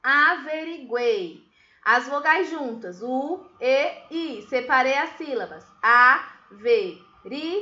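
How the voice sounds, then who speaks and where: A woman teacher speaks slowly and patiently, walking her pupils through each step. Her voice sits high and bright. The sound is dull and roomy, like a home recording. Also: lively intonation. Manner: patient, explains step by step with questions. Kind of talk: recorded remote class lesson.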